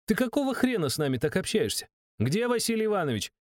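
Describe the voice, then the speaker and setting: Brief: loud, defiant young woman mage, done by a male narrator, high and rough. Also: big pitch swings, fast talker, dry recording, clean studio sound. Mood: angry. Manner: rude, shouting, defiant.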